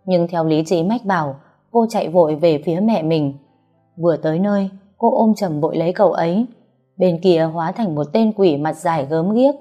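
A woman narrating a story in a steady, even storytelling manner. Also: lowish voice, normal speed, soft background music. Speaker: audiobook narrator.

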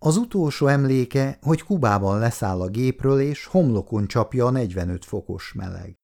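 A man reading an audiobook in a measured, even storytelling manner. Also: mid-range voice, creaky. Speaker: audiobook reader. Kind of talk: audiobook narration.

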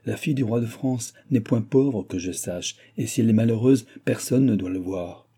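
A man's voice: on the low side, moderate pace, warm tone, breathy edge. A man reading as an aging proud king. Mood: reproachful. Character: aging proud male king, fond father. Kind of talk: audiobook character reading.

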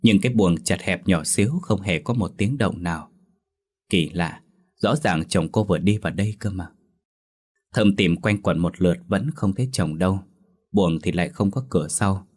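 Deep husky male ghost-story narrator. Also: moderate pace, darkish tone. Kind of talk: scripted horror narration.

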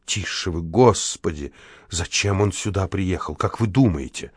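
A man's voice: medium pitch, a little fast, no echo, studio quality, lightly acted. A man voicing an anxious, nostalgic older woman, a fortune-teller, who pleads breathlessly in an audiobook.

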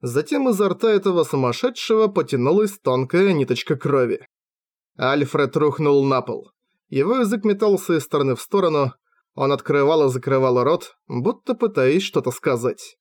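A man narrating a fantasy audiobook with a voice set a little higher than most men's. He tells the first-person story with lively energy, recorded close to the mic. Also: normal speed. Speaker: audiobook reader.

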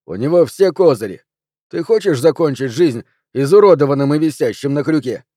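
A man reading an audiobook, voicing a nervous, talkative police officer in a louder, slightly higher voice. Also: animated, brisk, slightly rough, dry recording, studio quality.

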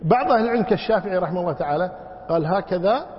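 A man's voice: high-pitched, animated, very fast. A man teaching a religious lesson, demonstrating mispronunciations by drawing words out and telling anecdotes. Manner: demonstrates wrong pronunciations by drawing words out, tells anecdotes with a chuckle. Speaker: religious scholar teaching a book. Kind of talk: classroom lesson on prayer. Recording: dull lo-fi recording in a reverberant hall.

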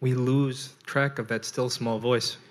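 A young man preaching a sermon in short, earnest phrases, pausing for his interpreter. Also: medium pitch, fairly even intonation.

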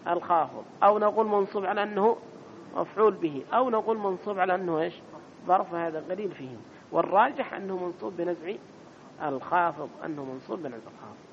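A man teaches a classroom grammar lecture in a mosque. He repeats each key term and keeps asking his listeners short questions. The recording is dull and lo-fi, with a faint rumble behind him. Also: fast talker.

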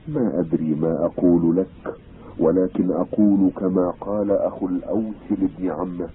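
A man's voice: low-pitched, close to an everyday voice. A man voicing a grave leader facing death. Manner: solemn, measured recitation. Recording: tinny old radio broadcast, faint hiss.

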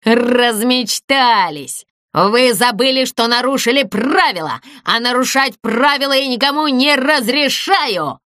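A woman's voice: on the high side, unhurried, fairly bright tone, dry recording, studio quality. A woman voicing a sneering, rule-obsessed ghost in a storybook, mocking and gloating with giggles.

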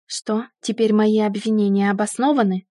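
A woman's voice: on the high side, steady tone, moderate pace, mellow, dry recording, clean studio sound, close to an everyday voice. A woman reading the lines of an angry, sarcastic wife confronting her cheating husband, in an audiobook. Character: betrayed wife, adult woman, furious and sharp-tongued.

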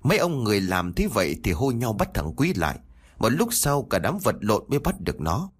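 A man narrating a village horror story in a lively, dramatic reading. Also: lowish voice, a little fast, husky.

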